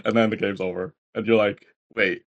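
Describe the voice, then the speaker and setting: A man co-hosting a casual video game chat, animated, who acts out game dialogue in high mocking voices and laughs often. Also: fast, highs cut off. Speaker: podcast co-host reviewing games.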